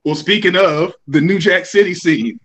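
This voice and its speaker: A man's voice: high-pitched, normal speed, a bit bright. A man co-hosting a podcast, telling stories animatedly and laughing through them. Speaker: podcast co-host. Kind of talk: casual chat.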